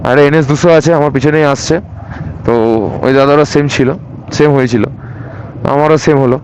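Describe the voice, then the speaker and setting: A man's voice, on the high side and fairly even in intonation, narrates his motorbike trip to camera from a hilltop monastery; he's somewhat breathless and mixes in English words. He speaks fairly quickly in a slightly mellow tone. The low-quality recording carries slight background noise.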